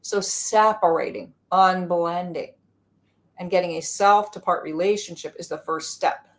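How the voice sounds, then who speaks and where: A woman's voice: lowish voice, a little slow. A woman guest explaining inner-healing ideas in casual conversation, peppering her talk with "like" and "right?". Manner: casual, many "like" and "right?" checks.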